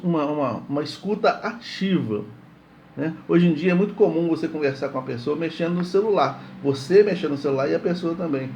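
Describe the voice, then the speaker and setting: A man's voice: on the high side, warm tone, slight background noise. A man giving a morning devotional sermon in a conversational way, often repeating words and checking in with "entende?". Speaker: preacher.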